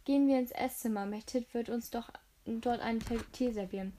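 Composed lady of the house, read by a woman, polite and measured, fairly high voice. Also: mellow, natural voice. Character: composed mother, controlled but nervous.

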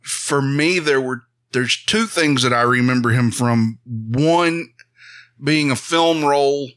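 A man co-hosting a podcast, telling stories in a casual, animated way and laughing along. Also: medium pitch, takes it slowly. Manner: animated storytelling, laughs at his own stories. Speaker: podcast co-host. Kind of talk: casual chat.

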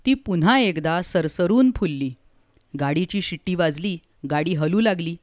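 A woman narrating a story in a measured, emotive reading. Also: fairly low pitch, expressive, dry recording, clean studio sound.

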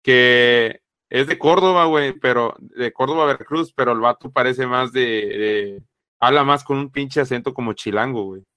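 A man's voice: medium pitch, normal speed, sharp tone, smooth, no echo. A man, chatting casually as a co-host and dropping slang between nearly every phrase. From northern Mexico. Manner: slangy, fills talk with "güey". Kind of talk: casual chat.

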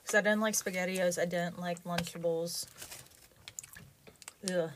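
A woman's voice: on the low side, fairly even intonation, measured pace. Chatty woman recording inside a closet. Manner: chatty, rambling. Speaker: vlogger. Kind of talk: casual chat. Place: inside a small closet at home. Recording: light background noise.

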